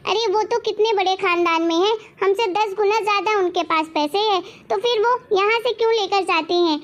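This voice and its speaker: A woman's voice: very high-pitched, normal speed, highs cut off. A woman playing a defiant young daughter-in-law. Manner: bossy, defiant. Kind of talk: family drama acting.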